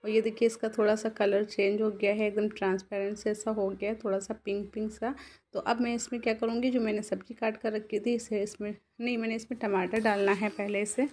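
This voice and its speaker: A woman talks viewers through a home recipe in a steady, level voice that barely rises or falls. Her pitch sits in an ordinary middle range, and she explains each step plainly as she cooks. It sounds like a simple phone recording from a home kitchen. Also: fairly quick. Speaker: cooking channel host. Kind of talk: casual cooking voice-over.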